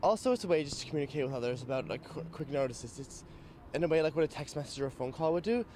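A man's voice: on the high side, lively intonation, racing, noisy background. Young man in a campus street interview. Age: young adult. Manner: easygoing, talks with restarts and "like". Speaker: student interviewee. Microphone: reporter's handheld microphone.

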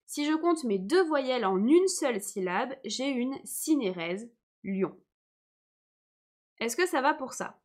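A woman's voice: high voice, animated, a little slow, hardly any pauses. A young woman teacher giving a live online lesson, explaining patiently and often checking that her viewers follow.

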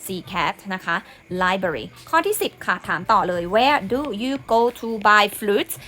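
A young woman works through an exam as an English teacher, explaining each word with patient repetition. Her voice is bright and clear. She speaks at a middle pitch for a woman. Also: lively intonation, slow. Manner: patient, repeats words and meanings, says "นะคะ" often.

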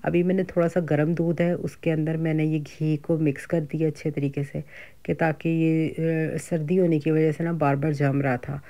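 A middle-aged woman, a home cooking vlogger with a Pakistani Urdu accent, talks at normal speed in a low, mellow voice that shows little pitch movement. Throughout her grocery and cooking vlog she's conversational and chatty, frequently using fillers and asides.

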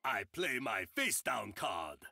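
Gravelly, combative anime villain. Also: male voice, medium pitch, very animated, takes it slowly, slight background noise, heavily acted. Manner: menacing, forceful battle declarations. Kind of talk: anime card game voice acting. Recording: game music behind the voice. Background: game music.

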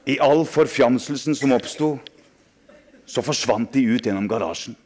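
A man reading aloud an excerpt from a novel, in a hushed, dramatic storytelling manner. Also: medium pitch.

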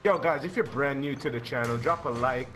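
A young man playing a shooter with a teammate, talking fast and restless, swearing and joking around. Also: medium pitch, a bit bright, faint music behind. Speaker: gaming teammate. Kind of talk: casual gaming chat.

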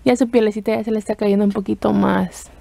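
A woman's voice: medium pitch, level tone, fast talker, gravelly, mellow. A young woman, a new mother, chatting casually in her daily home vlog, rambling with fillers and restarts.

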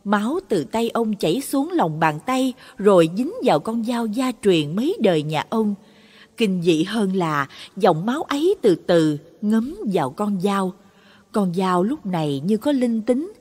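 Breathy woman narrating a reverberant story. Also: mid-range voice. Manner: dramatic, expressive narration. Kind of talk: scripted narration of a Buddhist audio story. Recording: long reverb.

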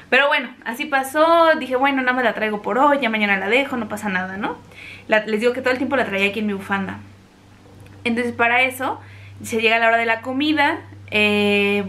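A young woman with a Mexican accent telling a personal story in a chatty, animated way. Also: on the high side. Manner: chatty, animated, acts out quoted voices. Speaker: vlogger. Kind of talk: casual storytelling.

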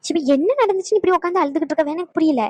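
A sharp-tongued old village grandmother, as a woman acts her out in a cartoon. She scolds in a high, fiery voice and rattles her words off at great speed. The sound is dry and close. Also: racing, no echo. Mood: scolding. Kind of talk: cartoon voice acting.

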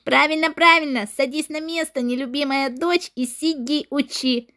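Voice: high voice, moderate pace, pushed and bright, pitched below the performer's own voice. A performer doing a boastful bratty schoolboy. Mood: mocking. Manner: boastful, mocking, taunting. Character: arrogant schoolboy who calls himself the coolest. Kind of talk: game role-play voiceover.

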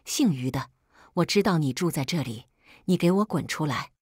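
Woman doing a coarse middle-aged mother in a storybook, furious and abusive, husky voice that swings wide in pitch. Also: lively intonation, moderate pace, no echo, studio quality. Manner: shouting insults, screeching accusations.

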